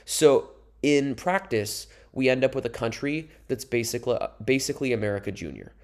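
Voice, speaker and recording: At a moderate pace, a young man with an animated, darkish, medium-pitched voice lectures on history over slides. The recorded class has a casual feel, with frequent asides to his students.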